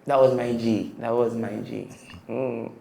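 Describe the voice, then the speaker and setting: Gravelly Caribbean man telling his story. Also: mid-range voice, steady tone, a little slow, dark tone, roomy sound, slight background noise. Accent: Caribbean English. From Caribbean (Statia). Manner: reflective, emphatic, slangy. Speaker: podcast guest, DJ. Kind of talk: casual storytelling interview.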